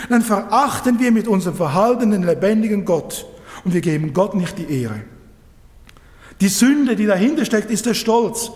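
Male preacher with a high voice, emphatic sermon delivery, long echoing reverb. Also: a little mellow. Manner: emphatic, rising and dropping sharply for effect.

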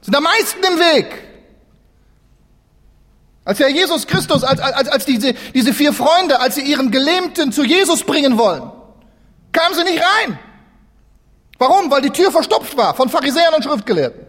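A man preaching a sermon in a church, lively and dramatic, acting out biblical figures as he tells the story. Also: very high voice, normal speed, pauses often, long reverb tail. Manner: animated, acts out biblical figures in dialogue.

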